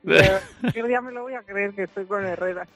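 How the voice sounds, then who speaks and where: A woman's voice: medium pitch, normal speed, over music. A woman radio presenter in friendly on-air chat, previewing her segment. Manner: friendly, laughing easily.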